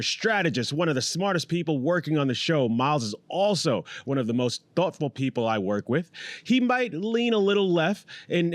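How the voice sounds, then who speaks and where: A man's voice: a little high, no room sound. Man hosting in a mock news anchor voice. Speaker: host of a live call-in show. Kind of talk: talk show opening then casual chat.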